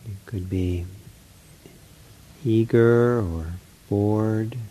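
A man leading a guided mindfulness meditation, speaking gently in short, unhurried phrases with an accepting, reassuring counselor's manner. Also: fairly low pitch, poor audio.

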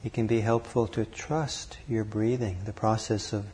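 A man leading a guided meditation, calm and unhurried, speaking in short phrases with long pauses between them. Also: on the low side, a little hiss or hum. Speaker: meditation teacher.

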